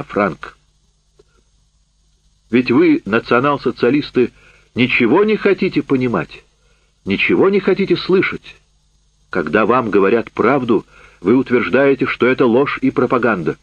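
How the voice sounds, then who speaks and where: A man's voice: lowish voice, slightly rough, dry recording. A man voicing a furious, accusing camp survivor. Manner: loud, heated, accusing. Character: bitter, worn-out man just back from a camp. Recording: dull, dry lo-fi recording.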